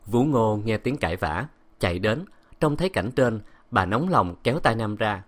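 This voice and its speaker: A man narrating a dramatic audiobook with expressive storytelling. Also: lowish voice, normal speed.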